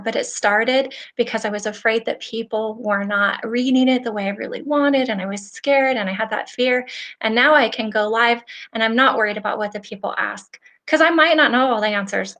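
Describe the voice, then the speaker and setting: A middle-aged woman hosting a casual live stream, talking straight to her viewers in an earnest, chatty way and laughing often. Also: a little high. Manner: animated, with frequent laughter. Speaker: host of a live stream for nail professionals.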